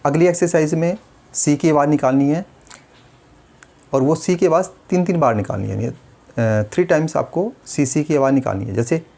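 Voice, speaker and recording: A man, a speech therapist calmly explaining exercises step by step. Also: on the high side, moderate pace, vocal fry. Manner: patient, step-by-step, demonstrates sounds. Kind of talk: instructional demonstration.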